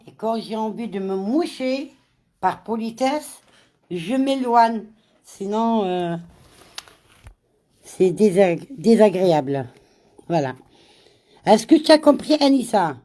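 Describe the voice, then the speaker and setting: Her medium-pitched voice is expressive and dark in tone as she hosts a casual live stream with a cold. She goes slowly and repeats words, greeting viewers by name and tossing in Arabic greetings.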